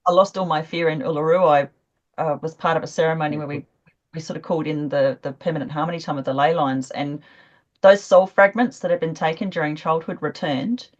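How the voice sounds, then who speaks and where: A woman in a casual group chat, speaking in a calm, earnest, reflective way. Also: deep voice, a little fast, lo-fi sound.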